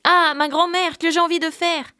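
A woman voicing a timid, obedient little peasant girl in a spoken folk tale, asking questions in a high childlike voice. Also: little pitch movement, normal speed, pushed and bright. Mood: innocent, questioning.

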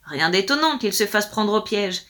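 A woman voicing a talkative, credulous peasant wife in a storybook reading, high and excited. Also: normal speed. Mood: amazed.

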